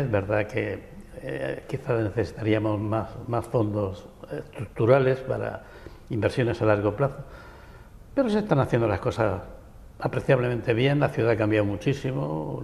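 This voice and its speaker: At a local TV studio, a writer and architect from Barcelona, Spain, speaks with a Peninsular Spanish accent, offering long, rambling answers in an interview. His medium-pitched voice moves at a moderate pace, darkish with vocal fry, followed by a long reverb tail.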